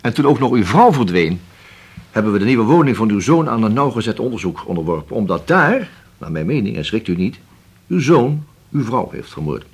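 A husky, probing police inspector. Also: male voice, lowish voice, sing-song, exaggerated voice. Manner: slow, probing, drawn-out with many hums. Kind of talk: radio drama acting.

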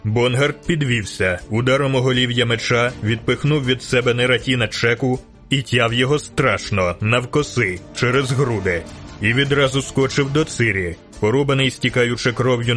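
Man narrating an audiobook, mid pitch. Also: moderate pace, fairly bright tone, faint music behind. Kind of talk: scripted narration.

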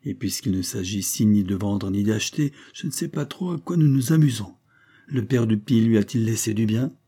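A man's voice: on the low side, lively intonation, brisk, warm tone. A man reading an audiobook, voicing a shrewd, sly older farmer who talks bluntly and teasingly in a raised voice. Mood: bantering.

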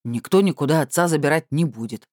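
A woman reading an audiobook, voicing a stern, sarcastic middle-aged man in a lowered, cold, hissing delivery. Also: expressive, quick pace, a little mellow, no echo, clean studio sound. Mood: irritated. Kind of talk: audiobook character voice.

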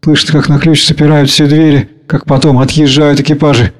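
Guy reading play directions, steady, kinda high voice. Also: fairly quick. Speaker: reader.

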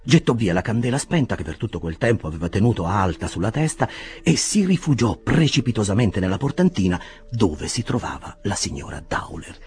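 Lively, low-voiced male audiobook reader. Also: brisk. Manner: expressive, dramatic reading. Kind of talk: audiobook narration.

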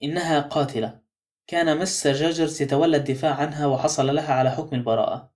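A discreet male clerk passes on a secret in a hushed, confiding way, as a male narrator reads him. The lines come quickly in a slightly high voice. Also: steady tone, natural voice.

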